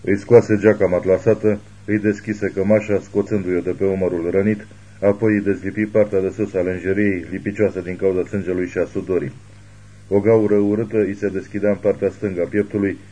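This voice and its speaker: A man narrating a thriller audiobook in a steady, grave reading. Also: sits low, muffled recording.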